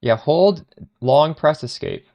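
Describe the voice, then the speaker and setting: A Canadian man, Canadian accent and all, talks slowly in a fairly high-pitched voice with a dark tone, heard through a muffled recording. While streaming a game live, he chats casually, answers viewer questions, and tends to trail off partway through sentences.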